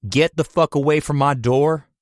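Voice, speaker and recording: Brief: man reading a swaggering rock star, very low voice, dry close sound. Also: normal speed, a little mellow, no room sound, lightly acted. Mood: angry.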